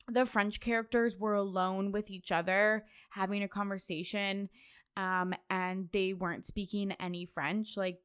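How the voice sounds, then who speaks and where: Woman, twenties, podcast host, casual chat, smooth clear voice, chatty, lots of fillers. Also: mid-range voice. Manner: chatty, filler-heavy, bursts into laughter.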